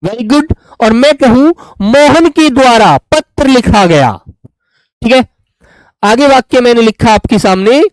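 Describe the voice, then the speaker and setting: A man's voice: extremely high pitch, expressive, a little slow, dry recording, rough recording. A man teaching grammar to a class, patiently repeating examples and calling on students by name. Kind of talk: classroom lesson.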